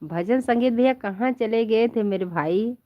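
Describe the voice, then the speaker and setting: Slow-talking playful woman on a live stream. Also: a little high, no room sound, dull audio. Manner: chatty and playful, laughs often, calls viewers "my child". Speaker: live-stream host chatting with viewers. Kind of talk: casual live chat with viewers. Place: at home in bed under a quilt.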